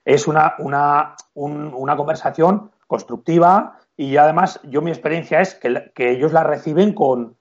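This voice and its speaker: A man's voice: a little high, moderate pace, few pauses, lo-fi sound. A man from Spain with a Navarrese accent, a football referee talking casually in an interview and acting out exchanges with players. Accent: Navarrese Spanish. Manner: acts out player exchanges in animated quoted voices.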